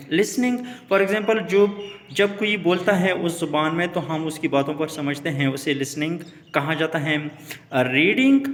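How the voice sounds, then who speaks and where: A man's voice: fairly high pitch, big-room sound. A man, teaching an English grammar lesson and restating each term in plain words. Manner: explains terms then restates them. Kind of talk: explanatory lesson.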